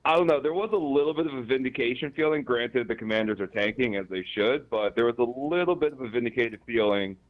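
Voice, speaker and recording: A man's voice: mid-range voice, fast talker, few pauses, highs cut off. A man from Maryland giving his sports opinions in a rambling, self-correcting way. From Maryland, USA. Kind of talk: casual sports radio chat.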